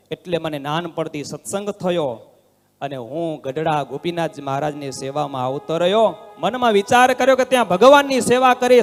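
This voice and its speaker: A swami telling a devotional story as a sermon, dramatic and swinging between loud exclamations and hushed lines. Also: male voice, high-pitched. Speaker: swami giving a religious discourse. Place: devotional hall. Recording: long hall reverb with faint instrumental music.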